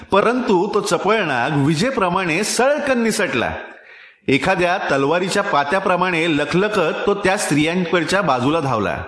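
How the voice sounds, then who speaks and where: A man with a Marathi accent reading a short story aloud in an expressive, theatrical way, in an echoey room. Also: on the high side. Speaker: story reader. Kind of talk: dramatic narration of a short story.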